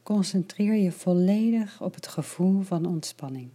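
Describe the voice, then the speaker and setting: A woman leading a guided relaxation, her voice low and mellow. She talks slowly and softly, sometimes dropping to a whisper. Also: husky. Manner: slow, soft and soothing, partly whispered.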